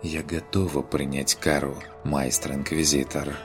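A man's voice: rumbling low, level tone, measured pace, over loud music. A man voicing a playful, bold young noblewoman in an audiobook, with a teasing, coquettish manner.

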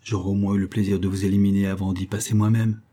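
A man voicing a resigned, self-loathing man in an audiobook, in a flat, defeated tone. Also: lowish voice, fast, natural voice. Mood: bitter.

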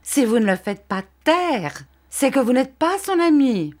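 A woman's voice: mid-range voice, expressive, a little slow. A woman voicing a sly, falsely humble male clerk who fawns and threatens by turns in a storybook reading. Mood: wheedling.

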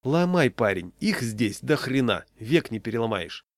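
A man reading a storybook and voicing a blunt, gruff adult man. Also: medium pitch, very animated, normal speed, no room sound, studio quality, lightly acted. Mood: brusque.

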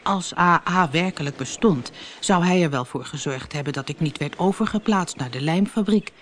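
A woman's voice: low-pitched, normal speed, a little hiss or hum, lightly acted. A woman voicing an old, timid male submarine in a storybook, with anxious, breathless exclamations. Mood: gloomy.

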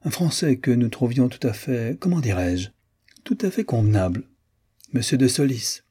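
A man's voice: mid-range voice, lively intonation, moderate pace, dark tone, breathy edge. A man voicing a chatty, teasing young American society woman in an audiobook, playful and lightly mocking. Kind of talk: audiobook character voice.

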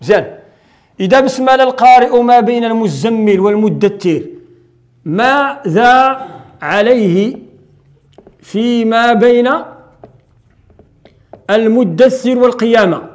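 A man's voice: very high voice, unhurried, long pauses. A man with a Moroccan accent teaching Quran recitation rules in a classroom lecture, explaining step by step and answering his own questions.

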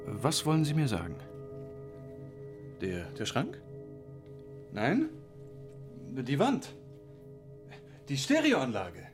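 An actor playing a polite police commissioner who speaks in a soothing, courteous way in a radio play. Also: male voice, medium pitch, wildly swooping pitch, takes it slowly, long pauses, over music.

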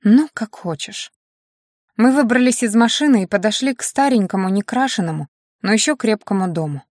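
A woman's voice: medium pitch, fast, darkish tone, no echo, clean studio sound. Woman narrating a first-person audiobook.

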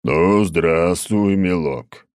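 A man voicing a towering, stern old prince who scolds slowly in a booming voice. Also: darkish tone, dry recording, clean studio sound.

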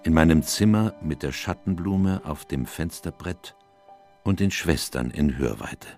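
A man's voice: very deep voice, animated, unhurried, a little mellow, faint music behind, exaggerated voice. An actor playing an aged, melancholy English doctor who solemnly narrates his memoirs in a literary radio drama. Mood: weary, melancholy. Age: older. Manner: solemn, reflective. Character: aged doctor Watson, weary melancholy chronicler of his friend's cases.

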